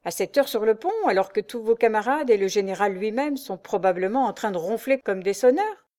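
A woman's voice: medium pitch, lively intonation, fairly quick, dark tone, natural voice. A woman voicing a hot-tempered, proud male naval commander who speaks curtly and sarcastically in a read-aloud story. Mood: haughty. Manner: curt, sarcastic, imperious.

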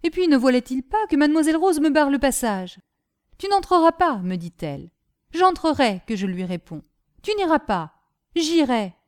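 Woman putting on a simple, eager country boy, high and lively, rushing through his muddled story breathlessly. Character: simple-minded earnest young peasant boy.

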